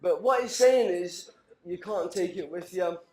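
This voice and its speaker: A man's voice: sits high, unhurried, darkish tone, roomy sound. A man in his thirties giving a rambling, emotional best man speech after a few drinks. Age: 30s. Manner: rambling, emotional, laughing between lines. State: tipsy. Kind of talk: wedding speech. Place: wedding reception hall.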